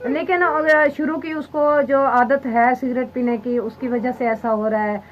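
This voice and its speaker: A woman's voice: high voice, steady tone, a little slow, highs cut off. A woman vlogging at her village home, talking in a soothing, pleading way and speaking to viewers with heartfelt emotion, recorded on a handheld camera. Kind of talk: casual vlog talk to camera.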